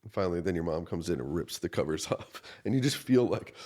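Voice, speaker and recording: A man in his thirties, a pastor, earnestly telling a personal story in a podcast interview, going from quiet to loud. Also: low-pitched, animated, fast talker. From United States. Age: 30s. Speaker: associate pastor.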